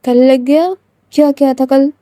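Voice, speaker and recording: A woman voicing a tender young woman who softly coaxes and comforts her weeping lover. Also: sits high, fairly even intonation, unhurried, no room sound. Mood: worried. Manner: soft, coaxing, gently firm.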